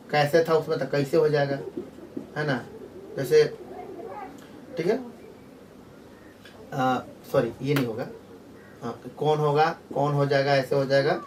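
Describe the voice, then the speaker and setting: A teacher from Jharkhand gives a casual spoken grammar lesson, loose and repetitive, full of fillers and restarts. His voice is fairly high and darkish, with a little hiss or hum. He's recorded from a distance, with faint outdoor sound behind him.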